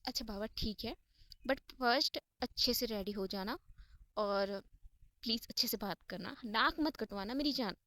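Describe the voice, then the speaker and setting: A woman's voice: on the high side, moderate pace, bright, forceful tone, no echo, pitched below the performer's own voice. A woman voicing a middle-aged mother who lectures firmly but lovingly in a spoken story. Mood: scolding.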